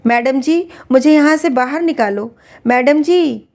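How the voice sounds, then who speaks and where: A woman's voice: high-pitched, measured pace, a little mellow. A woman voicing a desperate young wife locked in an asylum who pleads urgently to be let out. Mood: pleading.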